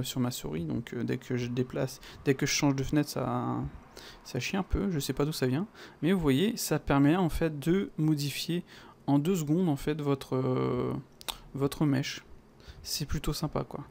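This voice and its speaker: A man with a French accent talking through a software tutorial in a casual, chatty way, full of fillers and little sound words. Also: on the high side, creaky. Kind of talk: casual screen-recorded tutorial.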